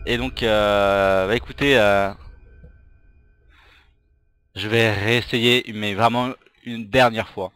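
A man's voice: lowish voice, steady tone, slow pace, long pauses, fairly bright tone, clean tone. A young man giving jittery let's play commentary on a horror game, exclaiming and muttering to himself into a headset. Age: young adult. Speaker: gamer. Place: small room at home.

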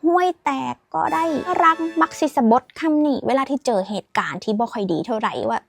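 A woman's voice: on the high side, animated, brisk, soft background music. A woman teaching a playful language lesson, teasing and mixing in English phrases. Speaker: language tips host.

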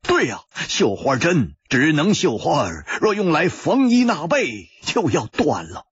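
A man voicing a tormented, loyal young male assassin in a pingshu audiobook, speaking haltingly with stammers. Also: fairly high pitch, huge pitch swings, slightly rough, lo-fi sound, voice pushed up, heavily acted. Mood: grim. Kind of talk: pingshu storytelling.

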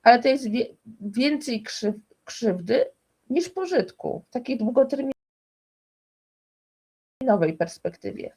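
A woman's voice: on the high side, animated, a little slow, pauses often, dark tone, husky. A woman speaking as a guest expert in a conversational interview, explaining emphatically and restarting often.

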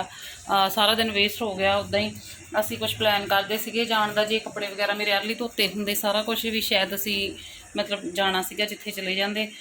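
Young woman, chatty informal home vlogger, medium pitch, faint background noise. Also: sharp tone. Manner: chatty, informal, explaining everyday chores. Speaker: family vlogger, mother. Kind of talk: casual home vlog narration. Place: at home, household noise behind. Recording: noisy home phone recording.

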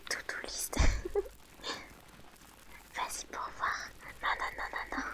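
A woman whispering softly to her audience in ASMR style, reading out chat names and answering them gently. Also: slow pace. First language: French.

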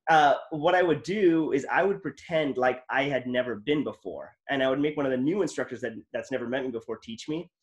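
A man's voice: medium pitch, a little fast, few pauses. A man hosting a casual interview, telling stories in an enthusiastic, rambling way. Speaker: podcast host.

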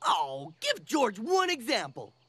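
A man's voice: extremely high pitch, huge pitch swings, takes it slowly, exaggerated voice. A man voicing a friendly, dim-witted cartoon jungle man who talks in simple, broken phrases. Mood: cheerful. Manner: simple, broken third-person speech.

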